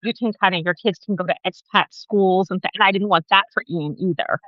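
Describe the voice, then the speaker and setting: A woman born in Guyana, talking as an interview guest in a relaxed, conversational way and often adding "right?" to her points, over a video call. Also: on the low side, brisk, dry recording, muffled recording. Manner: conversational, frequent "right?" asides.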